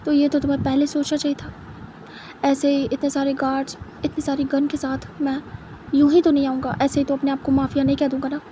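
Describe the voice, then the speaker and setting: A woman voicing a cold, teasing male mafia boss who speaks low and quiet. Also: monotone, brisk, slight background noise, natural voice, rough recording. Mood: cold, mocking.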